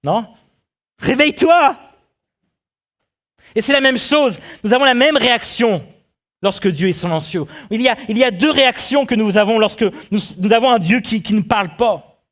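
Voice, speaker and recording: A man preaching a sermon as pastor, animated and full of rhetorical questions to his congregation. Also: very high voice, a little fast. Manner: acts out the quotes he tells.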